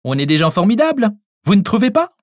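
Male reader voicing a mocking, sharp-tongued woman nurse; high-pitched, dry. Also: big pitch swings, fast, dry recording. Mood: sarcastic. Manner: sarcastic, teasing.

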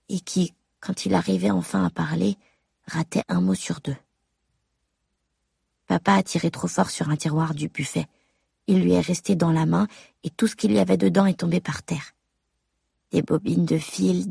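Woman reading a story in first person, really gravelly and husky, measured and intimate, dry close mic. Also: on the low side, dark tone, dry recording. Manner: measured, intimate, addressing the mother. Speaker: audiobook narrator. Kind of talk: first-person audiobook narration.

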